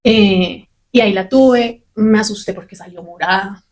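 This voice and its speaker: A young adult woman hosts a podcast, telling a personal story candidly in a mid-range voice. She talks fast and animatedly, swearing casually along the way.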